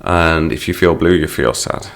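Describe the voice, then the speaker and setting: A man's voice: a bass voice, normal speed, a bit bright. A man teaching English by explaining song lyrics line by line, in a patient, explanatory manner.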